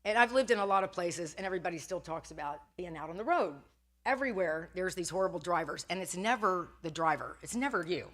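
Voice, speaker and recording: A woman's voice: lowish voice, animated, fast talker, a bit bright. Older woman, casual sermon, chatty, self-deprecating, laughs often. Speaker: speaker at a Sunday service. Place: church sanctuary.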